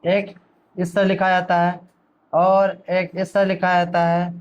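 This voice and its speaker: Slow, high-voiced Quran teacher. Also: male voice, monotone, clean tone, dull audio. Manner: asks questions and answers them himself; drawls letter names very slowly. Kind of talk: letter-by-letter lesson.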